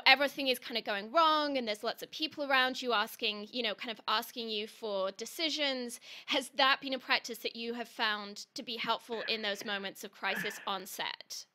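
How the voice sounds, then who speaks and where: Bright-voiced woman asking curious questions. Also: a little high. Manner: curious, chatty, uses kind of as filler. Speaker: podcast interviewer. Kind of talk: casual interview questions.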